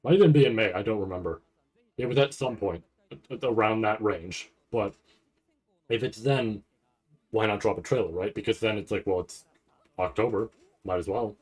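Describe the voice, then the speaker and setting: A man with a lowish, breathy-edged voice speaks at a moderate pace, pausing often. He's hosting a relaxed livestream, reacting to an anime event and rambling in loose language with occasional profanity.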